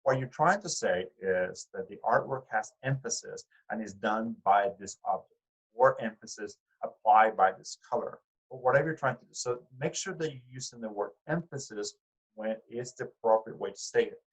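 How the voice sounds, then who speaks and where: A male art teacher talks through a recorded lecture in a somewhat low voice. He speaks conversationally, trips over words and corrects himself, and turns to his students with direct questions. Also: normal speed, breathy edge, rough recording. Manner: conversational, with frequent fillers and restarts.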